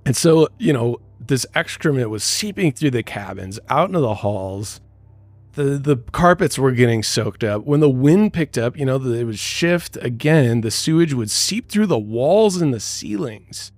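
A man's voice: medium pitch, lively intonation, unhurried, a little mellow, dry recording, faint music behind. A man co-hosting a podcast, telling a story in casual chat and laughing often. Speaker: podcast co-host.

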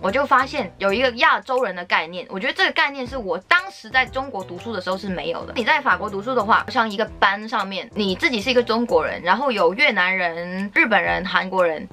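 A woman's voice: medium pitch, animated, quick pace, few pauses, bright, forceful tone, faint music behind. A young woman from Guangdong, China, hosting her own vlog, talking straight to the camera and giving earnest, indignant commentary with rising emphasis. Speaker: vlogger host. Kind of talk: opinionated talk to camera.

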